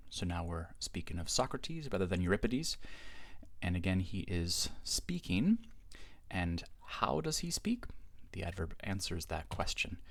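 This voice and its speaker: Deep-voiced man giving a grammar lecture. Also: very animated, vocal fry, dry recording. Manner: measured, explanatory, reads Greek forms slowly. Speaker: Greek teacher.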